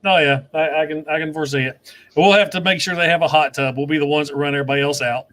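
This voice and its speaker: A man's voice: on the high side, steady tone, quick pace, fairly bright tone. A man in his forties hosting a casual livestream chat over a video call, thanking viewers by name as he talks. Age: 40s. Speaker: livestream host.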